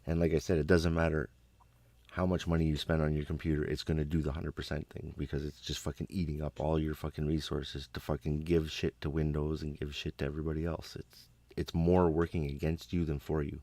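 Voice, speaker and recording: A man with an extremely deep, low voice talks in loose, profane conversation. He rambles bluntly from point to point. The sound is dry and close, with no room around it. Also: little pitch movement, fairly quick, dark tone, no echo. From Canada. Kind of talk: casual chat.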